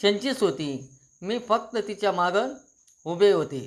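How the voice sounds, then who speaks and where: A man's voice: high voice, expressive, measured pace. A man voicing a meddling aunt who talks eagerly and defensively.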